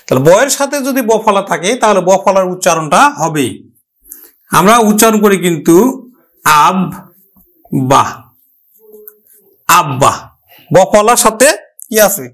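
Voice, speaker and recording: A man teaching a pronunciation lesson, asking himself questions and repeating each example word slowly and deliberately. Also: sits high, lively intonation, fairly bright tone. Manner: asks questions and answers them himself. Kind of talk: grammar lesson at a board.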